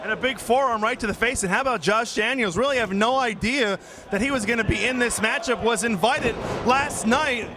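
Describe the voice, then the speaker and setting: A man calling a live wrestling match play-by-play in excitable, exclamatory bursts. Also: very high voice, a little fast. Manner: excitable, exclamatory calls of the action. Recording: noisy arena with loud crowd behind. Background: crowd noise of a live wrestling show.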